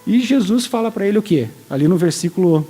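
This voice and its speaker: A man's voice: sits high, expressive, fast talker, dark tone, breathy edge, soft background music. A man preaching a sermon in a conversational, explanatory way, acting out the lines he quotes and often restarting his sentences.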